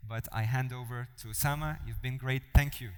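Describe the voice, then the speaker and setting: A man's voice: mid-range voice, steady tone, brisk, clear, resonant tone. A man wraps up his talk at a live event in an upbeat, grateful tone. His mid-range voice sounds out across a big hall with a lingering reverb. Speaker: speaker. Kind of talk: closing a stage talk.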